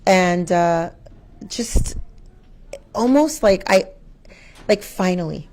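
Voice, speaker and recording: A low-leaning, slow female voice belongs to a schoolteacher being interviewed as a guest. Her replies are conversational, thoughtful and expressive, and she frequently voices her inner thoughts and asks rhetorical questions.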